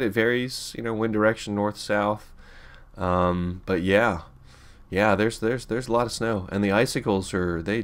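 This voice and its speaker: A man with a slightly low voice chats his way through a spaceflight game. His talk is loose and rambling, full of restarts and small laughs. It sounds like casual let's play commentary. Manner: rambling and chatty, with frequent restarts and chuckles.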